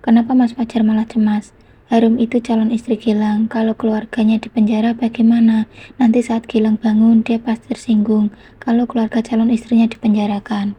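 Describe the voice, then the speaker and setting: A woman's voice: a little high, flat delivery, fairly quick, dark tone, husky. A woman reading a pushy, demanding man. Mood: defensive. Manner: demanding, reproachful. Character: man, older brother-in-law, demanding and pushy.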